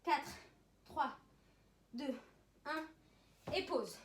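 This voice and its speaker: Female fitness coach, high voice, unhurried pace, urging people on in short commands and counts, recorded in an echoey room. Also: lively intonation. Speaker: fitness instructor leading a circuit workout. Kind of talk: live workout coaching with countdowns. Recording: roomy echo, distant mic, background noise.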